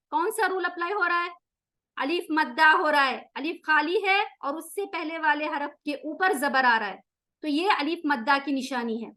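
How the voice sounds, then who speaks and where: A woman teaching Quran recitation rules, explaining each rule and then chanting the words slowly to show them. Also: high-pitched, sharp tone. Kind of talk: tajweed lesson with slow recitation.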